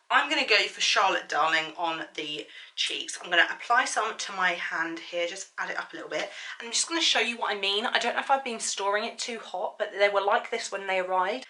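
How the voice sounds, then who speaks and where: A woman's voice: medium pitch, pushed and bright, low-quality recording. A woman chatting casually through a makeup tutorial in a bubbly, gushing manner, with a slight lisp on her s sounds. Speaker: beauty vlogger.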